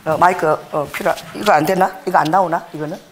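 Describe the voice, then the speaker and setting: A middle-aged woman pastor preaching a sermon, telling stories with lively acted-out dialogue in a church. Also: sits low, quick pace. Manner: animated storytelling, acts out dialogue. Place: church sanctuary.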